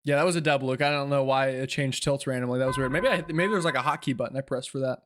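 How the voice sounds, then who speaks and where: A man hosting a live weather stream, giving informal, urgent and excitable storm commentary while thinking aloud. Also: mid-range voice, fast talker.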